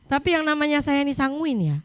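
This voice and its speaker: A middle-aged woman preacher delivering a sermon, telling personal stories in a lively way. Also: high voice, quick pace. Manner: lively storytelling, mixing in English scripture reading.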